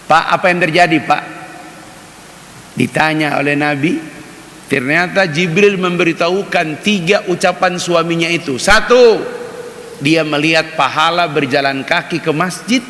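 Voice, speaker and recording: A man's voice: on the high side, normal speed, fairly bright tone. A man preaching a sermon in a mosque, chatty and direct, often turning to speak to the men listening. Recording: reverberant mosque hall, faint hiss.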